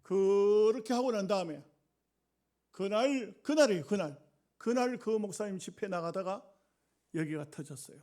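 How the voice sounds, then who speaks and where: A male pastor preaching a sermon, telling a story dramatically and often letting his voice sink low and quiet. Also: moderate pace.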